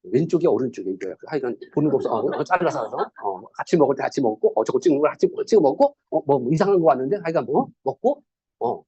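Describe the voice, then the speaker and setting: A man delivers a motivational sales lecture in a husky, mellow voice, his pitch leaping up and down as he talks. He keeps throwing rhetorical questions at the room and acts out little dialogues. The recording sounds dull and lo-fi. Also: very animated, fast. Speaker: sales seminar speaker.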